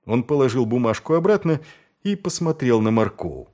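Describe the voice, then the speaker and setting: A man narrating a novel as an audiobook, expressive, giving each character a voice. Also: mid-range voice, moderate pace. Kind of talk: scripted narration.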